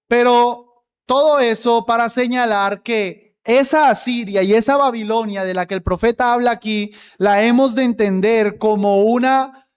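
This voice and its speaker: A man's voice: high voice, smooth. A man preaching a sermon as pastor, emphatic, stretching key words and repeating phrases for emphasis.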